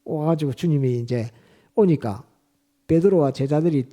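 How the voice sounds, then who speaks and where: A man's voice: fairly high pitch, normal speed, mellow. A man preaching a sermon in church as pastor, retelling scripture scenes vivdly and repeating his points with emphasis.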